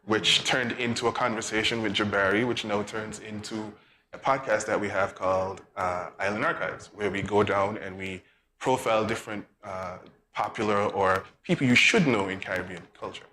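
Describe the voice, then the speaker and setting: A man from Saint Kitts with a Kittitian accent answering casually as an interview guest, thoughtful and halting, often repeating words. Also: lowish voice, fairly even intonation, pushed and bright. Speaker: interview guest, podcast producer. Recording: faint background noise.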